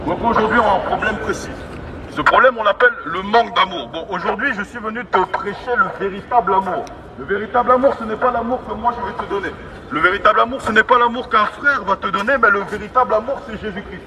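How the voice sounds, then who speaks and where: Through a megaphone, a high-voiced male street evangelist preaches in the open air, declamatory and repetitive, often restarting haltingly. The recording catches him from a distance in a busy city public space, echoing amid background noise from street crowds and vehicles.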